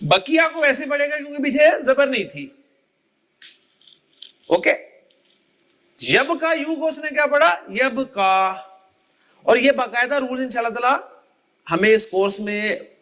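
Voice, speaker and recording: A man with a high, pushed, bright voice teaches an Arabic grammar class in a classroom lecture. He explains patiently and calls on students by name to recite word endings.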